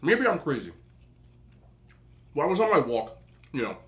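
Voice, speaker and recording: A man hosting a mukbang, chatting casually and telling an animated, slangy, incredulous story between bites as he eats. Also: a little high, moderate pace. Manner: eating between phrases. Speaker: host of a mukbang video. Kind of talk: casual rambling storytelling while eating.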